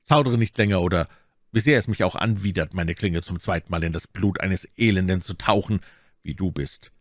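Man doing a young officer, bold, stern, commanding, lowish voice, audiobook. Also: normal speed, dry recording, clean studio sound.

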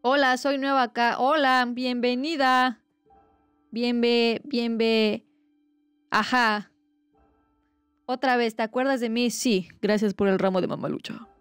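While streaming a game, a young woman chats casually and reads her viewers' messages aloud, teasing them playfully. Her voice is on the high side, clear and resonant, with no echo.

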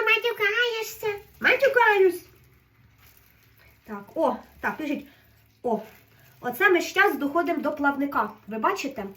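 A woman cooking on camera, giving a fretful running commentary and telling herself to stay calm. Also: sits high, recorded from a distance. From Ukraine. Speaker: home cook vlogger.

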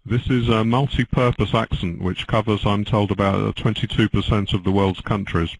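An older man commentating on a bridge match, dry and joking, halting with many fillers. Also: lowish voice, fairly even intonation, creaky, breathy edge, dry recording, low-quality recording.

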